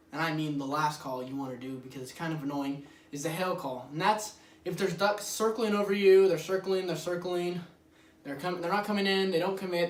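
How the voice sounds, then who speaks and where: A man hosting his own channel, giving a casual how-to demonstration in a loose, chatty way that leans on filler words. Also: fairly high pitch. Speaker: host of a duck hunting channel. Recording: roomy sound from a distant mic with faint background noise.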